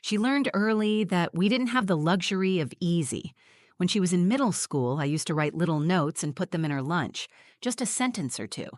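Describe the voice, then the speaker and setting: A woman in her forties tells a scripted story in the first person, her delivery measured and reflective. Her voice sits fairly low. The sound is close and dry, with no room around it. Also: lively intonation, dry recording. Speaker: narrator.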